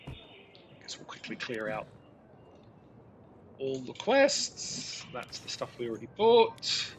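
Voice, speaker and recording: A man's voice: medium pitch, wildly swooping pitch, slow, slight background noise. Dry, sarcastic man reading a game aloud. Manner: dry, sarcastic asides between stretches of read-out text. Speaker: gameplay video host. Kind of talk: playing a digital gamebook and reading its text aloud.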